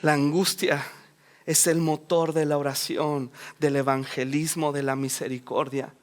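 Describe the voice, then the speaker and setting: A man's voice: a little high, flat delivery, measured pace. A man, preaching a sermon in an earnest, emphatic way. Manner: earnest, emphatic, acts out scripture scenes.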